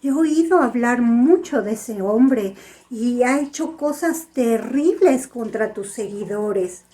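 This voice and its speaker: A woman's voice: a little high, expressive, takes it slowly, warm tone. A woman voicing a fearful male disciple who raises an objection in a children's Bible story. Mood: wary.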